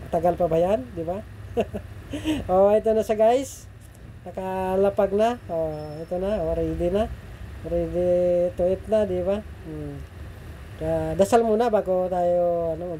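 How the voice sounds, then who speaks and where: Brief: middle-aged food vlogger, mellow and slightly nasal, chatty, keeps checking in with viewers. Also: medium pitch, fairly even intonation, a little slow, a little hiss or hum. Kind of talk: casual eating and cooking vlog.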